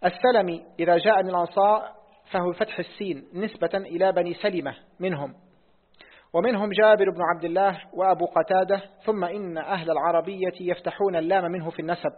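The speaker is a male student with a husky, high-pitched voice and fairly even intonation, reciting a hadith text in a lesson. He reads rapidly and repeats lines on request; the recording is tinny and phone-like in a hall with lots of reverb.

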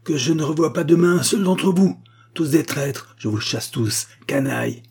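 A man's voice: mid-range voice, normal speed, dark tone, breathy edge, natural voice. A man voicing a proud, wealthy man, offended and imperious toward those around him.

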